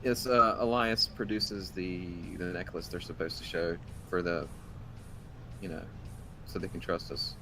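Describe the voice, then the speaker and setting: A man's voice: low voice, fairly even intonation, unhurried, sharp tone, slight background noise. A man playing a tabletop role-playing game, chatting casually and hesitantly as he improvises his turns. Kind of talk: casual chat during role-play.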